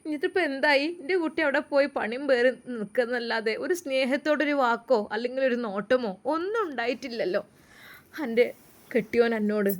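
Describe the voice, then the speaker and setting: A woman's voice: a little high, brisk, natural voice. A woman with a Malappuram Malayalam accent voicing a worried, devout mother consoling her daughter and sighing over fate. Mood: resigned. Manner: consoling, resigned, talks of fate and God. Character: worried mother of the young wife, resigned and devout.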